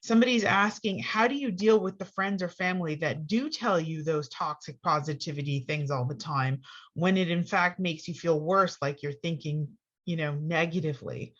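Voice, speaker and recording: A woman's voice: low-pitched, moderate pace, a bit bright. Woman moderator reading questions on a lo-fi call. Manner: friendly, reads audience questions aloud. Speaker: webinar moderator. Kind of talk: hosting a live Q&A.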